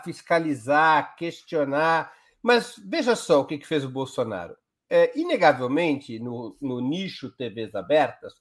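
A man with a Brazilian Portuguese accent, a guest commentator explaining politics live on a talk show in an emphatic, step-by-step way. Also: a little high.

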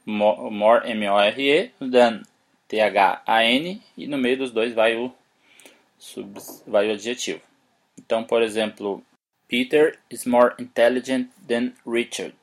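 An English teacher and podcast host, a man whose first language is Portuguese, gives a relaxed spoken English lesson. He spells words out letter by letter and slows down for example sentences, his voice fairly low and his tone steady.

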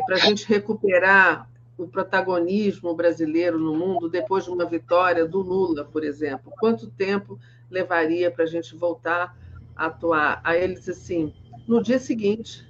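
A woman's voice: lowish voice, fairly even intonation, moderate pace, highs cut off, slight background noise. A woman hosting an online panel discussion, framing her questions hesitantly with many restarts. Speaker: host. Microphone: video call.

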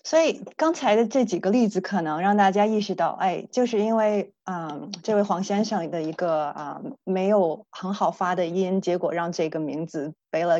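Woman speech therapist, native Chinese speaker, earnest lecturing; lowish voice, dull dry lo-fi sound. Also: normal speed, warm tone, no room sound. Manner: earnest, explanatory, frequent hesitations. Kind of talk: online lecture.

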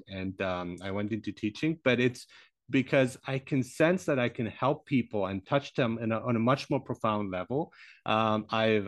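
A man's voice: on the low side, a bit bright, no echo. A man in his forties, born in Iran and raised in Germany, speaking as a podcast guest in a reflective, hesitant way with many fillers and restarts. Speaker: podcast guest, language teacher. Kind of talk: casual interview conversation.

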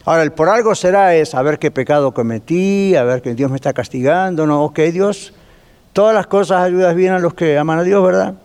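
Man, pastor, Bible class teaching, lively rhetorical questions, fairly high pitch, long church-hall reverb. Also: brisk, clean tone. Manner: lively, asks the class rhetorical questions, drops in English phrases.

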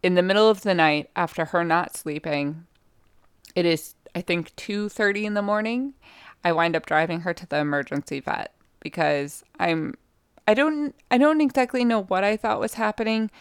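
A woman's voice: fairly low pitch, moderate pace, clean tone, no room sound, studio quality. A young woman hosting her own podcast from home, talking frankly and profanely in a rambling way, with lots of fillers. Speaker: podcast host. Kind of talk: candid solo podcast monologue. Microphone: podcast microphone.

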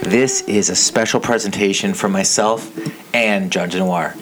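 Low-voiced man hosting a casual podcast. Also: fairly even intonation, a little slow, background noise. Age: 30s. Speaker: podcast host. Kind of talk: casual chat.

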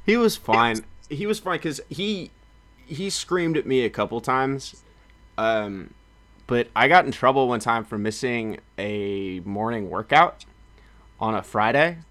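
A young man, a former college football player, chatting casually and telling stories with lively, acted-out quotes. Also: mid-range voice, unhurried. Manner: animated storyteller, acts out quotes. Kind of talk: casual chat.

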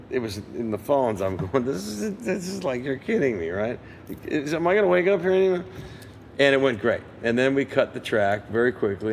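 A man's voice: on the low side, slight background noise. An older man, a session guitarist, telling stories in a casual interview and animatedly acting out the people he quotes. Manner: animated storyteller who acts out quoted voices.

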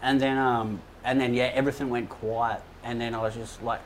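A young Australian man tells a wild story in a rambling, casual way, swearing often and filling gaps with "um" and "like". His pitch sits in the middle, and there is a faint hum of ambient noise behind him. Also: little pitch movement, normal speed, rough recording. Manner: swears a lot, rambling with many fillers. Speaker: guest.

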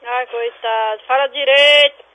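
Guy putting on a grumpy old dad, high bright voice, keeps asking who's calling and cussing. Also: steady tone, measured pace, heavily acted, low-quality recording. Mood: irritated. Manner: gruff, insulting, keeps demanding who is calling. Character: cranky, suspicious old father on the phone. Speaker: prank call character. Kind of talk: comic radio prank call.

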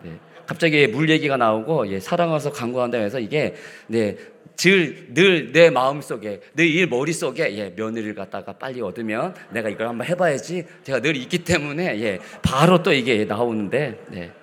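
A middle-aged man preaching a sermon in a church, swinging from loud acted rebukes to hushed whispers and playfully acting out quoted lines. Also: medium pitch, animated, normal speed, hardly any pauses. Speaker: pastor. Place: church sanctuary.

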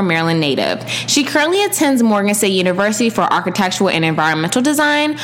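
A woman's voice: medium pitch, slight background noise. Upbeat woman podcast host. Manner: upbeat, enthusiastic introductions. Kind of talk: podcast interview hosting.

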